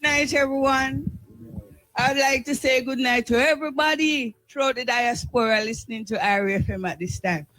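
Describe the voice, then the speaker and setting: A Jamaican woman giving informal, devotional greetings in an exclaiming, drawn-out way. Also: sits high, fairly bright tone, no echo, low-quality recording. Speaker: audience guest at a radio show.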